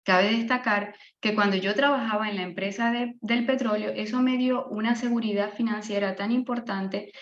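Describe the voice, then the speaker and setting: A woman's voice: mid-range voice, steady tone, moderate pace, few pauses, reverberant, dull audio. A Venezuelan woman from Maracaibo in her thirties, sharing a personal faith testimony in an online session, earnest, with fillers and restarts. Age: 30s. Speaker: speaker giving a testimony on a live online session.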